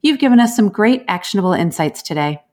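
A woman hosting a podcast, reading scripted material in a formal, measured, structured way. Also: medium pitch, lively intonation, a little mellow. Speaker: podcast host. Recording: music playing behind the voice. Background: music.

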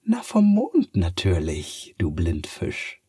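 A man's voice: low-pitched, wildly swooping pitch, warm tone, slightly rough, no room sound, clean studio sound, exaggerated voice. A man voicing a sly, kind talking cat from the moon in a bedtime story, purring and teasing. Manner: purring, drawn-out teasing delivery.

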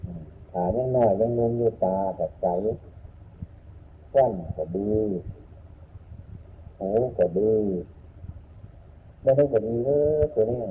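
A man with an Isan accent giving an unhurried Buddhist dharma talk as a monk, repeating his points and humming between phrases. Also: fairly low pitch. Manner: unhurried, repetitive teaching with frequent hums. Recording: tinny phone-like lo-fi sound with faint noise.

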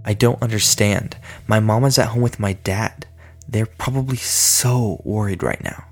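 A man's voice: fairly low pitch, expressive, vocal fry, husky, full character voice. A man doing a shy, frightened lost boy. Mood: timid. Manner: halting, quiet, timid.

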